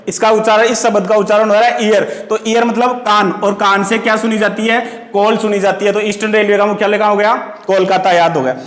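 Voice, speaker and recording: A man with a fairly high voice teaches a class in a question-and-answer rhythm. He drills his students, repeating each answer and spinning wordplay into memory tricks. The recording has a roomy echo with a long reverb tail, as in a bare classroom. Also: a bit bright. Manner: asks questions and answers them himself, repeating key words.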